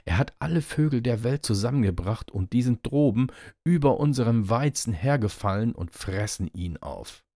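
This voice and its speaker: A man's voice: mid-range voice, animated, normal speed, dark tone, no room sound, clean studio sound, pitched above the performer's own voice. A man voicing a fretful, lamenting carter's wife in a fairy tale reading. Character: fretting carter's wife, middle-aged woman.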